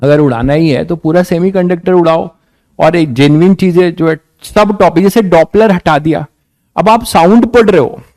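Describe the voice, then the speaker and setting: High-voiced frustrated male physics teacher. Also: normal speed, darkish tone, no room sound. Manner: frustrated, rhetorical, addresses students directly. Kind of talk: lecture with a rant.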